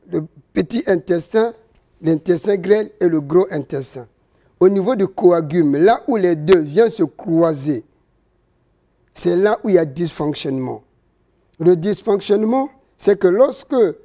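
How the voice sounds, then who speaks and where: A man, a traditional healer interviewed as a guest, explaining slowly and step by step with hesitations. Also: high-pitched, dark tone. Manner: slow, didactic, explaining step by step with many hesitations.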